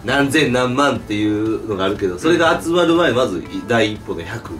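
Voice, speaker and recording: Lively young man with a Kansai accent. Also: mid-range voice. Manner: lively, teasing, quick banter. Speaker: YouTube channel co-host. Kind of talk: casual chat. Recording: roomy, mic at a distance, music behind.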